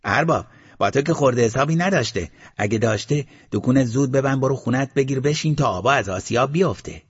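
A male audiobook narrator voicing a sly, spiteful young male cook who taunts and needles, in a husky voice on a slightly muffled recording. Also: medium pitch, animated, voice pushed up. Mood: taunting. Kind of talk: audiobook character voice.

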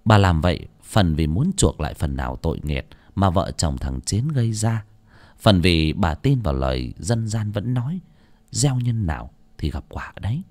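A man narrating an audiobook story in an expressive, dramatic reading style. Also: moderate pace. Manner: expressive, dramatic reading with wide pitch swings.

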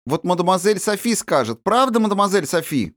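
A man reading an audiobook, voicing a spoiled, capricious little rich girl in high, squealing chatter. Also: sing-song, brisk, fairly bright tone, no echo, studio quality. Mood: excited. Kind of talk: audiobook character voice.

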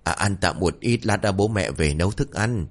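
A man voicing a kindly village man near fifty who coaxes a child gently and argues stubbornly with his wife. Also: low-pitched, animated, moderate pace. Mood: coaxing. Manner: gentle, coaxing, then stubborn and defensive.

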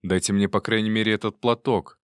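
Male reader as a heartsick lover, low voice, pleading, heartfelt, dry close sound. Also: steady tone, fairly quick, smooth, no echo, natural voice. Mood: subdued. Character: heartsick, pleading man in love.

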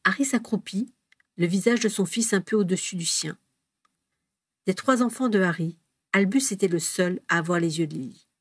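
A woman reading a story aloud as narrator, steady and even, with the voice recorded close. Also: medium pitch, moderate pace, slightly rough, dry recording. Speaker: audiobook reader.

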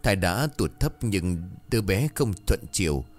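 Low-voiced man narrating a horror story. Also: measured pace, faint music behind. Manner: dramatic, lively storytelling.

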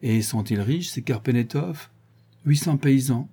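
A man's voice: medium pitch, unhurried, mellow, husky. A man voicing a sarcastic young officer with a wicked tongue in a read-aloud novel. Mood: mocking. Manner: teasing, sarcastic. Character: mocking young officer, sharp-tongued gossip.

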